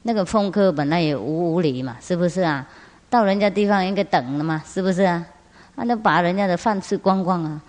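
A woman's voice: lowish voice, a little fast, a little mellow. A woman spiritual master giving a Buddhist teaching talk, laughing often and asking rhetorical questions. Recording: long hall reverb.

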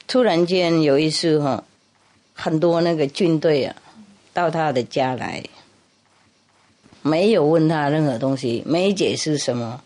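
A woman's voice: low-pitched, a little mellow. A woman Buddhist master telling a humorous story in a chatty way, laughing and repeating herself.

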